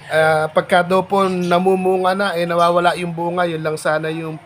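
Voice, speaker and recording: A man vlogging in a polite, chatty way, halting with fillers, recorded outdoors at a rural home. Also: high-pitched, level tone, fairly bright tone, slight background noise. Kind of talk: casual vlog chat.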